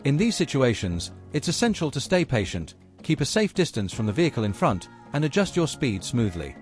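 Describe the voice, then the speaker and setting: A man presenting a driving lesson in a scripted, instructional narration, explaining each point in a measured way and addressing learners directly. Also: medium pitch, very animated, darkish tone, faint music behind.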